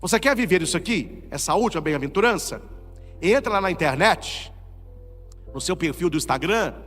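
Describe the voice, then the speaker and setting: Lively high-voiced Brazilian priest preaching. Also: male voice, in a large hall. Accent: Brazilian Portuguese. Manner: animated preaching with rhetorical questions. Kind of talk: sermon.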